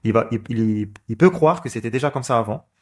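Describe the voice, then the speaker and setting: A man's voice: medium pitch, lively intonation, brisk, darkish tone. A man, casually thinking aloud as he walks through code, with many fillers and restarts. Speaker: coding channel host. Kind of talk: casual screen-recorded coding walkthrough.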